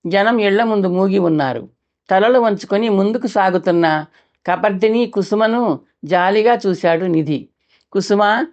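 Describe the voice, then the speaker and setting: Woman reading a folk novel aloud, steady storyteller pace, middle pitch, dull lo-fi sound. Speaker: audiobook narrator. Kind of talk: scripted novel narration.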